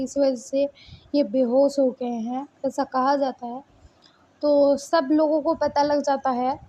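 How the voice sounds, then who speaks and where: A woman's voice: high-pitched, dark tone. A woman retelling a story in a casual, conversational way, full of small fillers. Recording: dull lo-fi recording.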